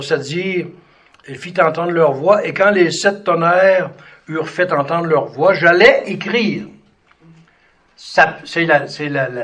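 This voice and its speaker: A man gives a Bible lesson in a relaxed, unscripted way. His voice sits a little high for a man. He pauses on fillers and restarts now and then while he explains the passage. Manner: conversational, with many fillers and restarts, reads scripture aloud. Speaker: preacher teaching a Bible study. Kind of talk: sermon-style Bible teaching.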